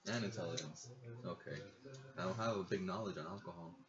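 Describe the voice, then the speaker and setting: A man's voice: low voice, fairly quick, a crowd in the background. A man playing a tabletop game, chatting casually, laughing and swearing. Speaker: player. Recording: muffled lo-fi stream audio.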